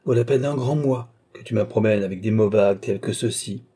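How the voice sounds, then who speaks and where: A man voicing an excitable old baron who is worried and exasperated, with outbursts in a raised voice. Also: lowish voice, fairly quick, husky.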